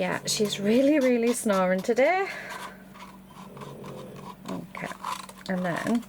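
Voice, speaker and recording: A British woman casually chatting and thinking aloud as she demonstrates a craft, in the manner of a hands-on vlogger. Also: mid-range voice. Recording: clear background noise. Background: printer running in the background in part.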